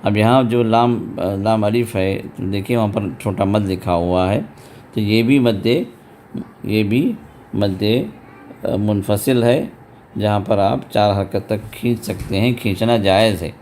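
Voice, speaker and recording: A man teaching a tajweed lesson, patiently explaining step by step and chanting verses slowly and drawn out. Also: on the low side, steady tone, darkish tone, a little hiss or hum. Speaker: Quran recitation teacher. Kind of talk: tajweed lesson with recited examples.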